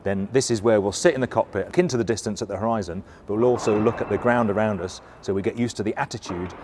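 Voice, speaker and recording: A middle-aged or older man giving an informal, hands-on briefing as a flight instructor, explaining in a halting, self-correcting way. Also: on the low side, a little mellow, slight background noise.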